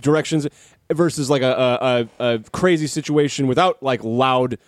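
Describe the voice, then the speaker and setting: A man co-hosting a casual podcast chat, telling stories with plenty of swearing and animated energy. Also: medium pitch, moderate pace, dry recording, low-quality recording. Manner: profane, animated storyteller. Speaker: podcast co-host.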